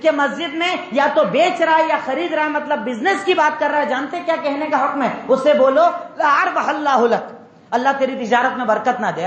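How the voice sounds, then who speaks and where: A man's voice: very high-pitched, fairly bright tone. A man preaching a Friday sermon with emphasis. He keeps asking his congregation questions. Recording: echoey, dull hall sound.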